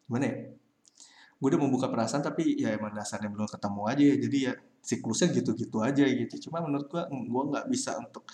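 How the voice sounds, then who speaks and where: A man's voice: mid-range voice, darkish tone. A young man talking through a casual solo podcast, giving rambling, slangy advice full of fillers. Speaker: podcast host. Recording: roomy echo.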